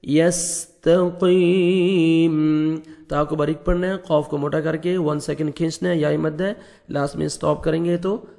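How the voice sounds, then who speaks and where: A man with a Pakistani Urdu accent teaching Quran recitation rules, patiently explaining step by step and chanting verses slowly. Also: on the high side, fairly even intonation, gravelly, darkish tone.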